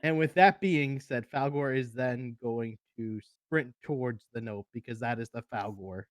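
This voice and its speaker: A player describing what a character does, in an unhurried, drawn-out way. The sound is dry and close. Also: medium pitch, dry recording. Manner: narrates own character in third person, drawn-out.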